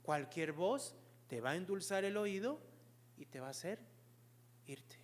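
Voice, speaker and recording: A man's voice: high-pitched, lively intonation, moderate pace, in a large hall, slight background noise. A man preaching a sermon as pastor, earnestly explaining and asking the congregation rhetorical questions.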